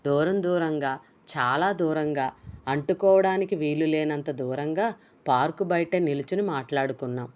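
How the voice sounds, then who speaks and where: A woman's voice: low voice, normal speed, a little mellow, close to an everyday voice. A woman voicing a nervous young man who is sly but apologetic, talking in a hesitant, pleading way.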